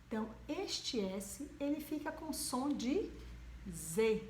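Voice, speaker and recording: A woman teaching young children in a video lesson from home, with a Brazilian accent, drawing out words slowly. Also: on the high side, big pitch swings, darkish tone, echoey room, slight background noise. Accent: Brazilian Portuguese. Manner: slow, drawn-out words for the children. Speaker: primary school teacher.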